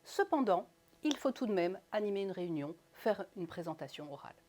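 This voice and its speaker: A woman coaching public speaking in an instructional video, with crisp articulation and strongly stressed, lively intonation. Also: medium pitch, fairly quick.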